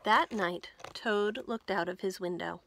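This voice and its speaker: A woman's voice: medium pitch, unhurried, creaky, fairly bright tone, a little hiss or hum. A woman reading a story aloud to children as a storyteller.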